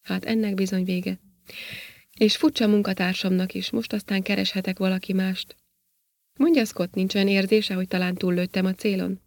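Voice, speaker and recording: A woman's voice: mid-range voice, little pitch movement, darkish tone, no room sound, natural voice. A woman voicing a smug, scheming male professor who lectures in a self-satisfied way, read in an audiobook. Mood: shaken. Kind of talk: audiobook character reading.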